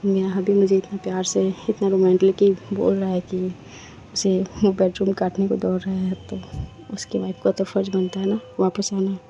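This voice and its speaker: A woman doing a sensible young bride who teases and gently scolds in a flat, very mellow voice. Her pitch barely moves. Faint noise sits under a dull, lo-fi recording. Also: normal speed, gravelly, close to an everyday voice. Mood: teasing. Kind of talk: storytelling with voiced dialogue.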